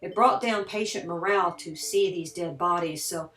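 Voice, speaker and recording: A woman's voice: lowish voice, moderate pace, fairly bright tone, distant mic. Kentucky woman guiding a tour in an echoing hall. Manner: conversational, explanatory. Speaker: tour guide. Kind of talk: on-site tour narration. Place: large empty historic building, indoors.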